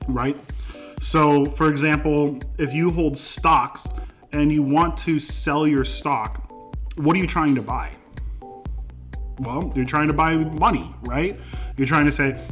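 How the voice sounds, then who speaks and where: A man casually explaining things in a halting way, often checking in with short tag questions. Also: a little high. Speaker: teacher answering student questions.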